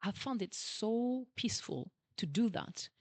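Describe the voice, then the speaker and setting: A woman's voice: on the high side, lively intonation, unhurried, no echo. A woman with a non-native English accent hosting an interview, asking questions and agreeing often. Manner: warm agreeing, many "true" and "yeah" replies. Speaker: podcast host, interviewer.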